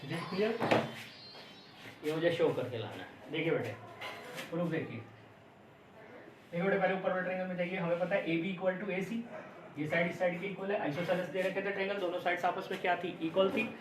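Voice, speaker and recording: A high-pitched male math teacher, walking students through a proof step by step. He keeps checking "is it clear?" as he goes. He is recorded from a distance in a bare, echoing room with steady noise behind him. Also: a little fast, long pauses. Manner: calls students "बेटे", asks "Is it clear?" often. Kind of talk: classroom math lesson, mixing Hindi and English. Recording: echoey room, distant mic, noisy.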